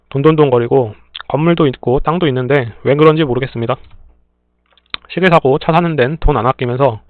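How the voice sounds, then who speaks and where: A man reading listener stories aloud in a plain, steady way, adding brief dry remarks between them. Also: a little high, no echo. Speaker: story reader and channel host. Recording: tinny phone-like dry sound.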